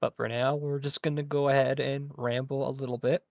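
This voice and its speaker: A podcast co-host in casual chat, rambling with quick deadpan asides. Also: mid-range voice, no echo, clean studio sound.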